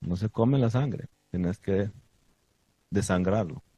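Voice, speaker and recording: A man giving a sermon to his congregation, asking the listeners many questions and stressing points with lively emphasis. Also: sits low, a little slow, husky, no echo. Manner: asks the audience many questions. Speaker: teacher of a congregation.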